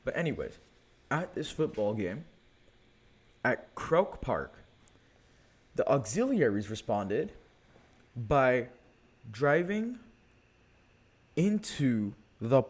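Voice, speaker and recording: A man's voice: medium pitch, sing-song, slow, long pauses, husky. A young American man hosting a history podcast, telling events in a casual, conversational way with many fillers. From United States.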